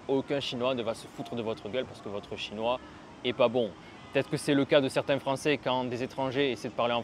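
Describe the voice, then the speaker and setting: A man talking casually and bluntly to camera outdoors on a city street, teaching Mandarin learners, with some swearing. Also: medium pitch. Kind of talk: casual vlog talk to camera. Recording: street traffic noise behind.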